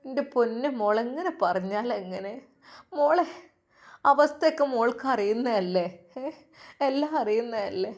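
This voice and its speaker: A woman voicing an older mother who softly coaxes and soothes her grieving daughter. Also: on the high side, lively intonation, unhurried, long pauses. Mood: soft coaxing. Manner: soft, coaxing.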